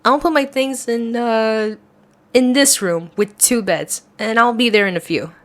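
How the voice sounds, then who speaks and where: A young woman acts out an excitable, playful best friend with a secret crush in an ASMR roleplay, keeping her voice natural. She speaks fairly high and a little slowly, chatty and expressive, with an excited mood.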